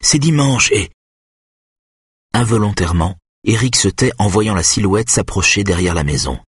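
Breathy, low-voiced male narrator. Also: a little fast, dry recording, studio quality. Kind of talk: scripted audiobook narration.

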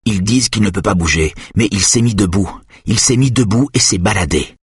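A male audiobook reader playing a quiet, thoughtful detective in a slow, low, subdued voice. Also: slightly rough, no room sound, clean studio sound. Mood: urgent. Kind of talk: audiobook reading.

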